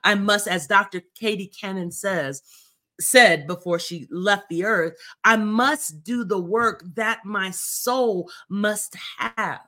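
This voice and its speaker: A therapist in her fifties, serving as co-host, speaks earnestly and encouragingly in a faith talk conversation, frequently restarting her sentences. Her medium-pitched voice is slow and sharp-toned.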